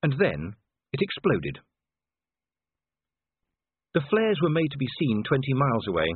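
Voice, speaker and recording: A man narrating an audiobook in a measured, dry storytelling manner. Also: medium pitch, huge pitch swings, breathy edge, no room sound. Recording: tinny phone-like audio.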